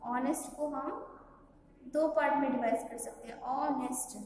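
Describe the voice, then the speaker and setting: A woman's voice: high-pitched, fairly even intonation, moderate pace, far from the mic. A woman teaching English grammar to a class, spelling words letter by letter and checking with the class as she goes. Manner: asks the class questions and checks "okay?". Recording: echoey hall with faint background noise.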